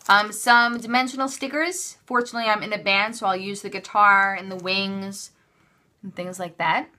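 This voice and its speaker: At a craft table indoors, a woman vlogging her craft haul talks in a bright, forward voice of average pitch, keeping a steady tone and normal speed. Her show-and-tell is unscripted and casual, chatty and offhand, and she frequently breaks into her own sentences.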